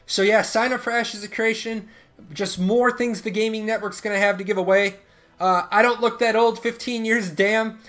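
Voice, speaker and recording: A man's voice: high voice, fairly even intonation, normal speed, fairly bright tone. A man in his thirties hosting a live stream, chatting casually and joking with viewers while running giveaways. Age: 30s. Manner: joking, banters with chat.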